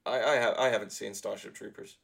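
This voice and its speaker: A man's voice: lowish voice, steady tone, quick pace, gravelly. A man co-hosting a casual podcast chat, sweary and rambling, with laughing asides. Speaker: podcast co-host.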